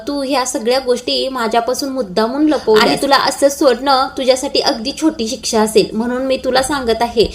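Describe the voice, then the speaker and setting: A woman's voice: on the high side, close to an everyday voice. A woman voicing an angry young man accusing his wife, read in a plain storytelling voice. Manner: accusing, bitter.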